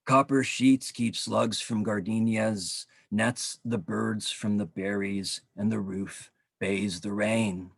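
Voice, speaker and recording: A man, a poet, reading his poems at a virtual event, slow and dramatic in the verses, loose with ums between them. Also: lowish voice, creaky, no room sound, clean studio sound. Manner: measured, dramatic reading with slow drawn-out phrases; relaxed, halting asides with frequent ums. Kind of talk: poetry reading. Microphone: video call.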